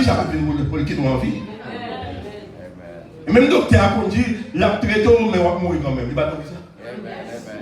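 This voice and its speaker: A male evangelist, preaching a fervent sermon and often shouting and calling amen to the congregation. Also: a little high. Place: church hall. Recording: echoey church hall, far mic, music and crowd behind.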